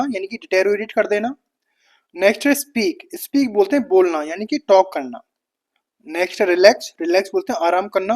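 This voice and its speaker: A woman teaching exam vocabulary, briskly listing words and their meanings. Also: medium pitch, darkish tone.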